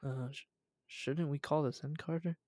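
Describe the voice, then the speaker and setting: A man's voice: fairly high pitch, steady tone, normal speed, darkish tone, no echo, natural voice. A man voicing a nervous young male police officer in a plain reading voice.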